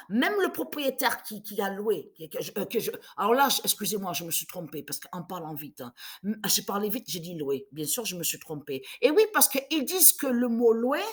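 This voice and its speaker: A woman in her fifties delivering an angry, agitated monologue, repeating herself and stumbling through restarts. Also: a little high. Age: 50s. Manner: agitated, repetitive, stammering restarts. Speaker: vlogger.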